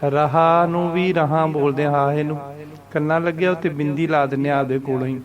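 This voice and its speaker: A man's voice: fairly high pitch, steady tone, crowd noise. Man patiently teaching scripture pronunciation. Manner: slow, deliberate recitation of verses with repeated corrections. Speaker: Gurbani teacher.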